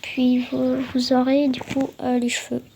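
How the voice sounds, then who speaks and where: A woman's voice: high-pitched, monotone, a little slow, creaky, warm tone, slight background noise. A woman talking through a game tutorial, hesitant, with many fillers and restarts. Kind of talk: casual game tutorial voice-over.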